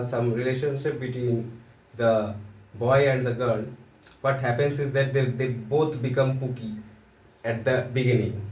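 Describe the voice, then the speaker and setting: A man's voice: medium pitch, a little mellow. A man with an Indian accent giving a casual, joking lesson in loose, hesitant phrasing. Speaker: teacher. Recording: roomy echo, voice from a distance.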